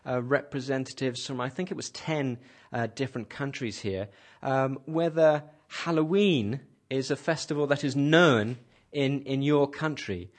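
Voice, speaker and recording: A man with a medium-pitched voice hosts an English lesson on the radio, speaking a little slowly with few pauses. He patiently puts questions to the class and repeats their answers back to them.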